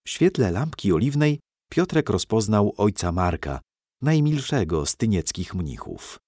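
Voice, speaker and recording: A man narrating a storybook in a measured, expressive reading. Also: fairly low pitch, dry recording, clean studio sound.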